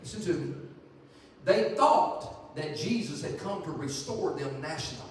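A man's voice: on the high side, animated, moderate pace, a little hiss or hum. A middle-aged man preaching as an evangelist, joking through folksy stories and then turning earnest. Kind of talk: sermon with storytelling. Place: church sanctuary. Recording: echoey church from far off.

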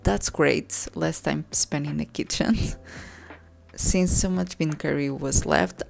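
A woman calmly narrating her home cooking video, soft and unhurried, sometimes correcting herself mid-sentence. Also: deep voice, creaky. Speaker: cooking vlogger. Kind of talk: calm voice-over narration. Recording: voice-over with soft background music.

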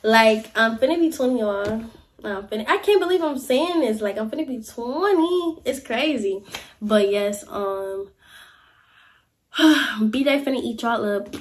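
A woman's voice: a little high, a little slow. A young woman, chatting casually to camera in a life-update vlog, full of "y'all" and "like". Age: young adult. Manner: chatty, repeats "y'all" and "like", animated gestures. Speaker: vlogger. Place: small indoor room, seated in chair.

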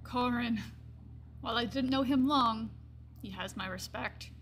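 The old gray-furred lion-folk druid of this fantasy game monologue is voiced by a woman whose voice is a little high. Solemn and grateful, the gentle character muses wistfully, with pauses and phrases that fade to a hush, over slight background noise.

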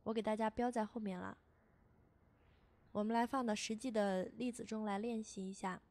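A woman teaching a beginner language lesson as a voice-over, patiently repeating each sound slowly for learners. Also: medium pitch, steady tone, a little mellow, dry recording.

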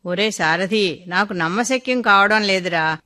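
A woman's voice: mid-range voice, a little slow, bright, forceful tone. A woman voicing an older man, a guilt-ridden and anxious father, in a storybook reading. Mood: doubtful. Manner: anxious and remorseful.

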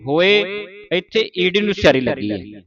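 A man teaching how to pronounce scripture. He recites verses slowly and repeats words syllable by syllable, checking often that his students understand. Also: sits high, sing-song, dull audio, crowd noise. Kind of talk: slow recitation lesson.

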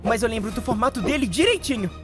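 A woman voicing a brave, protective young critter hero in a cartoon dub, excitable and exclamatory. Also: a little high, quick pace, over loud music, lightly acted. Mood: excited.

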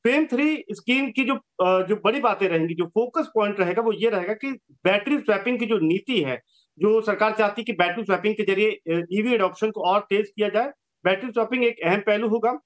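A man reporting a business news story from a TV studio, brisk and informative, with short filler pauses. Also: high-pitched.

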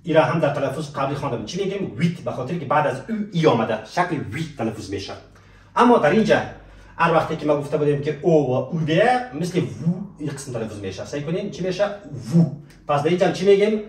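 A man teaching a French lesson in a fairly high voice. He stretches out each example phrase slowly and asks students to repeat it. The sound is roomy, echoing, and set back from the mic. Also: big pitch swings, recorded from a distance. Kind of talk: spoken language lesson with slow example phrases.

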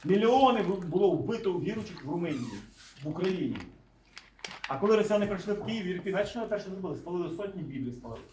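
A man delivers a sermon in a high, lively voice that swings widely in pitch. He keeps turning to his listeners with questions and rises to a shout at key moments. He is recorded from a distance in a roomy, echoing space. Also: very fast, slight background noise. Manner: animated, asks listeners questions, shouts for emphasis. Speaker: preacher. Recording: echoey room, mic far off.

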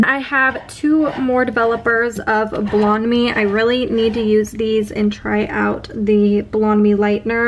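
A woman's voice: fairly high pitch, a little hiss or hum. An eighteen-year-old woman hairstylist from California giving a chatty, upbeat tour of her salon station and cabinet. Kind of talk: casual salon tour vlog. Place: indoor hair salon. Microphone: handheld camera close by.

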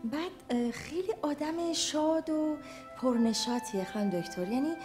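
A woman's voice: high-pitched, lively intonation, over music. An actress playing a fearful, divorced young woman who confides hesitantly in her therapist. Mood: anxious. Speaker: therapy patient. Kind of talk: film acting.

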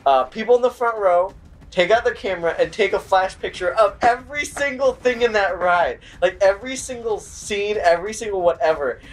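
A man co-hosting a gaming video, telling stories in an animated, exasperated way and shouting at the game in bursts. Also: sits high, fairly quick. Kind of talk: casual chat while playing a game.

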